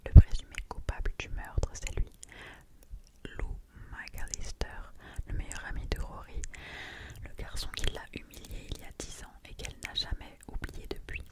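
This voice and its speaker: A young adult speaks in a soft, library-like ASMR whisper, reading aloud and chatting informally about books. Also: normal speed. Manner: reads blurbs aloud with informal asides. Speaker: ASMR book haul creator. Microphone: streaming microphone close by.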